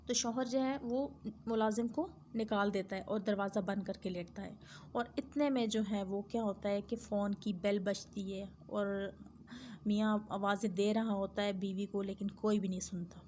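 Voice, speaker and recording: A woman's voice: mid-range voice, fairly even intonation, darkish tone, a little hiss or hum. A woman teacher retelling a story for her class in an explanatory way, with frequent filler phrases.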